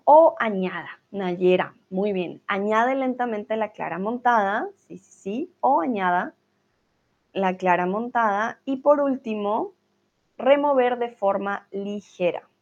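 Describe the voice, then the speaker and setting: A woman's voice: mid-range voice, lively intonation, slow pace, dull audio. A woman teaching a live online grammar lesson, patiently reading out student comments and correcting them. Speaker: Spanish teacher.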